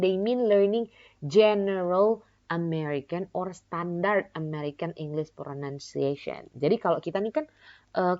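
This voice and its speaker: Young Indonesian female teacher, lower voice, bilingual explainer who poses and answers questions; muffled lo-fi recording. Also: darkish tone. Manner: explains in two languages, asks and answers her own questions, many "ya kan" tags. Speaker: English pronunciation teacher. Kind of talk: recorded lesson mixing Indonesian and English. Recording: dull lo-fi recording.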